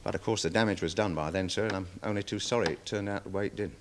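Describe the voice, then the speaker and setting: An actor playing a nervous, deferential security guard testifying in a 1970s television courtroom drama, rambling with many fillers. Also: male voice, sits low, fairly even intonation, rapid-fire, a little hiss or hum. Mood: worried, defensive. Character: nervous security guard witness, dog handler. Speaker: witness in court.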